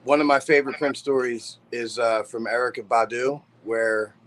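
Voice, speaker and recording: A man co-hosting a podcast speaks in an ordinary mid-range voice. He tells his stories casually, pausing and restarting his phrases as he goes. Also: medium pitch, rough recording. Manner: relaxed storyteller, hesitant restarts.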